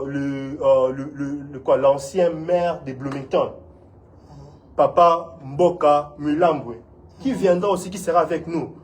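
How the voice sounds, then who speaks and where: Earnest and encouraging, a Congolese instructor gives a community talk in an interview, often dropping in "vous voyez?". He speaks with a fairly high pitch and a slightly mellow quality.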